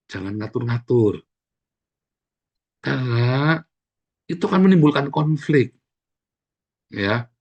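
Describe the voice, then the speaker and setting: A man delivers a sermon in a casual, scolding way, often turning to address his listeners directly. His voice is gravelly with a husky edge, and he often breaks into livelier tones when acting out what people might say. The pitch sits in an ordinary middle range. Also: a little mellow. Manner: conversational, scolding preaching with repeated "saudara" asides; acts out quoted speech in livelier voices. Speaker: pastor.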